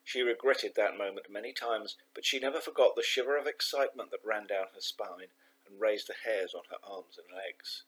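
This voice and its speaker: A man reading a children's novel aloud, measured and expressive, slowing down for emphasis. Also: on the low side, low-quality recording. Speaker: audiobook narrator. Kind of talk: scripted narration of a children's novel.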